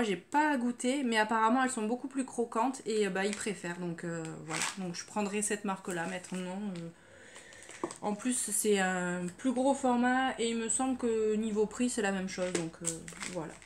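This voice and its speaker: A woman's voice: fairly high pitch, a little hiss or hum. A woman chatting casually through her grocery haul, full of fillers and trailing off with "voilà". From France. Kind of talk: casual haul video chat.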